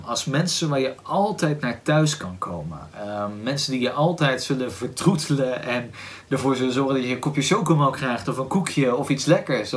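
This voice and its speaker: A man with a Dutch accent hosting a book podcast, talking casually and thoughtfully, often pausing to search for words with "ehm" and restarts. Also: mid-range voice, fairly bright tone. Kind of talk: casual book discussion with read-aloud passage.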